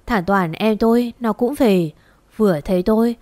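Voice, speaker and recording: A woman with a warm tone and an average, middle pitch narrates her own sad experience, her delivery slow and mournful. Captured up close, the audio is completely dry, with no trace of the room.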